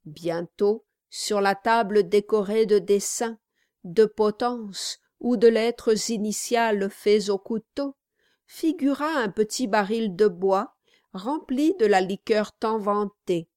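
A woman narrating a classic novel as an audiobook, in slow, measured storytelling. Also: mid-range voice, darkish tone, no room sound, studio quality. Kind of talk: scripted narration.

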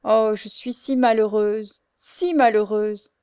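A woman's voice: mid-range voice, dry recording, studio quality, close to an everyday voice. A woman voicing a tearful blind young girl. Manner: soft, slow pleading. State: sobbing, tearful. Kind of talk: audiobook character reading.

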